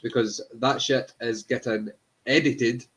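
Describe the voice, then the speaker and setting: A man's voice: medium pitch, fairly even intonation, measured pace, background noise. A man joining a casual live stream, teasing the host and swearing freely.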